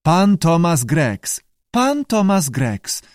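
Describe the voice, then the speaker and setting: A man voicing a curious, childlike talking salamander with a croaky voice that eagerly parrots human phrases. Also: a little high, big pitch swings, extremely slow, no room sound, studio quality, voice pushed up, heavily acted. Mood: polite.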